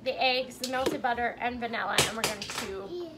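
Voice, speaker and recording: High-voiced young woman, chatty home baker. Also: normal speed. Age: young adult. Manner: chatty, informal. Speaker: home baking vlogger. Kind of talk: casual cooking demonstration. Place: home kitchen. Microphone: camera a step or two away. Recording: noisy kitchen, clattering clicks.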